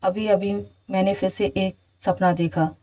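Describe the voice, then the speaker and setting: A woman's voice: mid-range voice, fairly even intonation, unhurried, close to an everyday voice, rough recording. Woman reading as a coaxing old nursemaid. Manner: soft, coaxing. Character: cunning old foster mother, gentle and soothing.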